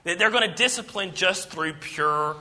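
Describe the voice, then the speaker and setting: Bright-voiced earnest male preacher. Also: high-pitched. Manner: earnest, quotes scripture slowly, acts out angry inner voices. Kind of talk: sermon. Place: church auditorium.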